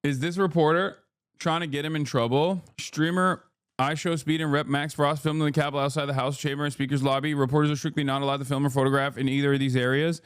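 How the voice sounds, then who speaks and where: A man's voice: a little high, level tone, fast, smooth, no room sound, clean studio sound. Rambling, joking male streamer. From Turkey. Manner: rambling, profane, joking asides. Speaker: streamer reacting to clips. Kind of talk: casual reaction commentary.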